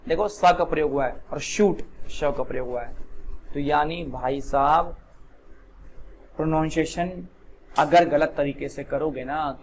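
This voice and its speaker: A man's voice: a little high, vocal fry, a little hiss or hum. A man teaching a spoken English class, keeps asking his students questions and repeating the answers back. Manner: repetitive call-and-response questioning. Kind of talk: classroom lesson.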